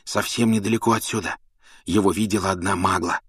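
A nervous teenage boy voiced by a man reading an audiobook passes on news in a hushed, half-whispered voice. It sits quieter than the narration, recorded close and dry. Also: low-pitched, steady tone, a little fast, breathy edge, no room sound. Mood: worried. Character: worried hushed teenage schoolboy.

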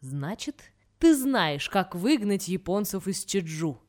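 A woman reading a folk tale aloud, voicing a proud, quick-tempered male general who shouts his threats. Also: lowish voice, very animated. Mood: mocking, threatening. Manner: indignant, shouting.

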